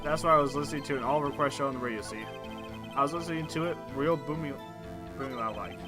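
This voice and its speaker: A man's voice: mid-range voice, fast, loud music behind the voice, lightly acted. A man voicing a brash, defensive young male witness while reading game dialogue aloud. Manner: defensive, whiny.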